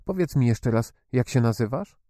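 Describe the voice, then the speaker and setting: A man reading the lines of a sickly, fretful young boy in a hushed, wary way. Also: medium pitch, animated, moderate pace, no room sound, clean studio sound, natural voice. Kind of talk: audiobook character reading.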